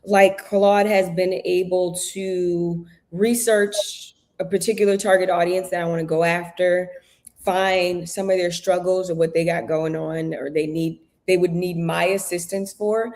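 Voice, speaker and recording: A woman's voice: fairly low pitch, steady tone, measured pace, a little mellow. A woman guest in a casual live chat, chatty, often restarting her sentences. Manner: chatty, trailing restarts, exclaims oh my God.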